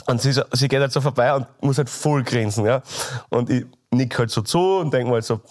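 A young man with an Austrian German accent, co-hosting a podcast and telling stories in a casual, animated way with frequent laughs. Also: mid-range voice, a little fast. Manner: animated storytelling, laughing often. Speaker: podcast co-host. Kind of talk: casual chat.

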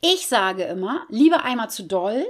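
A woman's voice: fairly high pitch, moderate pace. A woman co-hosting a podcast in casual chat, talking emphatically and acting out what her dogs might think. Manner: lively, emphatic, often adds "ne?" and acts out her dogs' thoughts. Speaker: podcast co-host, dog trainer.

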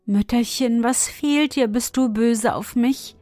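A woman's voice: a little high, takes it slowly, darkish tone, dry recording, faint music behind, voice pushed up. Woman doing a pleading bewildered little dwarf. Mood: frightened. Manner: pleading, anxious. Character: frightened young man turned dwarf, pleading.

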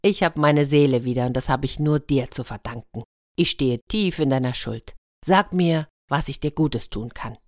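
A woman voicing a warm-hearted male giant in a fairy tale, speaking heartily. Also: a bass voice, normal speed, no echo, studio quality. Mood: grateful.

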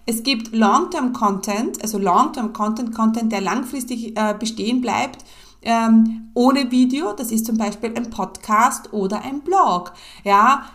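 A middle-aged woman hosting her podcast alone at a home mic, talking casually with lots of fillers and "ja" tags. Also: fairly high pitch. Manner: chatty, many fillers and "ja" tags. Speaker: podcast host and business coach. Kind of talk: casual solo podcast talk.

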